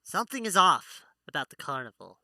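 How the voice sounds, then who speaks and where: A man's voice: on the high side, sing-song, brisk, bright, forceful tone, no room sound, full character voice. A man voicing a friendly female half-elf bard in a tabletop game, with a teasing, secretive manner.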